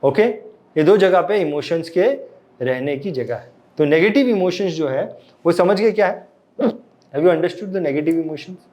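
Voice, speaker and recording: A man's voice: fairly high pitch, animated, slow, darkish tone. A man lecturing a live class, often quizzing his listeners and mixing in English phrases. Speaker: meditation and emotions teacher.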